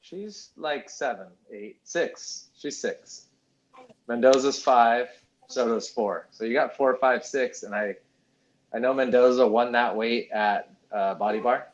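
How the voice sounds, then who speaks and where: A man co-hosting a casual podcast, quick to correct himself. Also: mid-range voice, dull audio. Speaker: podcast co-host. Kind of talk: casual chat.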